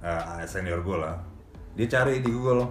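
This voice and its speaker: Deep-voiced man mixing in English. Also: unhurried, echoey room, faint music behind. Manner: casual slang, mixes English, laughs often. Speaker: news anchor. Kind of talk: casual podcast interview.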